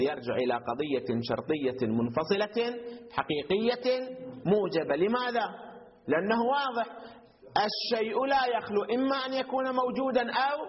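A man's voice: high voice, lo-fi sound. A man teaching a logic class, explaining step by step and putting questions to the students before answering them himself. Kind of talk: classroom lecture.

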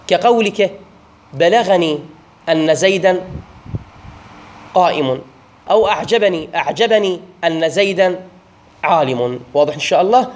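High-voiced Iraqi man teaching grammar. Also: slight background noise. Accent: Iraqi Arabic. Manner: explanatory, repeats and checks understanding often; drawn-out stresses on example words. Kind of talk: classroom grammar lesson.

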